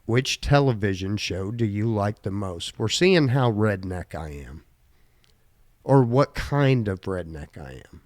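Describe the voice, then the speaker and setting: Man, slight southern twang, laid-back, swears casually, casual podcast chat, lowish voice, dry close sound. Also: lively intonation, measured pace, a little mellow, no echo. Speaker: podcast co-host. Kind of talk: casual podcast chat, reading quiz questions aloud.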